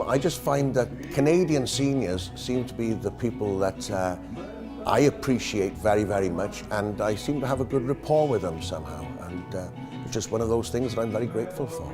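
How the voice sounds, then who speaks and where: A Welsh man in his fifties, an entertainer, answering interview questions in a jokey, self-deprecating way. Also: on the low side. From Wales. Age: 50s.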